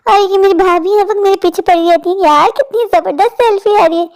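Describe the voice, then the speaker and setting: A woman's voice: extremely high pitch, brisk, darkish tone. A woman voicing a self-absorbed teenage girl busy taking selfies in a cartoon. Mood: giddy.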